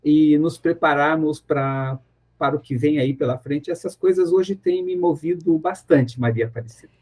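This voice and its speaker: A Brazilian man from the interior of São Paulo state is interviewed on radio as a professor. His voice is a little high and a little mellow, at a normal speed. He sounds reflective and conversational, often searching for words and repeating phrases.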